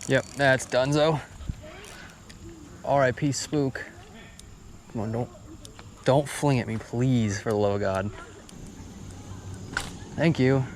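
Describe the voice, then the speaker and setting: A man's voice: mid-range voice, steady tone, takes it slowly, pauses often. Bro-talking man fishing outdoors, noisy background. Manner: frat-bro slang, hyped exclamations. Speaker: angler filming a fishing video. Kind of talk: casual fishing vlog chat. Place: outdoors by the water. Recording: outdoor recording with clear background noise.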